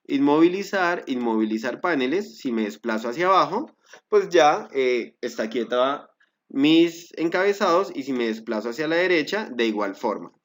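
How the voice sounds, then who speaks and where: A man teaching a step-by-step software tutorial, guiding viewers with frequent fillers and self-corrections. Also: mid-range voice, animated, normal speed. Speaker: Excel instructor. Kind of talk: screen-recorded software tutorial.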